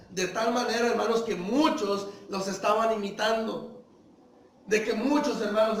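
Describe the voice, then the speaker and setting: A man's voice: high voice, slight background noise. A man preaching a sermon, calling his listeners brothers, asking rhetorical questions and acting out little dialogues. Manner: acts out short dialogues in voices. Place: church hall. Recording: echoey hall, voice from far off.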